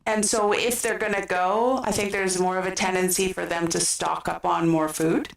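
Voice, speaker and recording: Gravelly and on the low side, this woman's voice keeps fairly even intonation at a normal speed. She's a gaming streamer from British Columbia with a western Canadian accent, giggling and chatting casually as she plays, picked up by a roomy, distant microphone.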